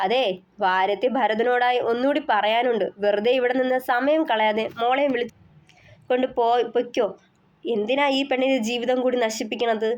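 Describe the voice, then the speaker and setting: A lady reading as a cutting, mocking middle-aged woman in an audio story, a bit high, kinda dull sound. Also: fairly even intonation, moderate pace, close to an everyday voice. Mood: scornful. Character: scornful defiant middle-aged woman stepmother.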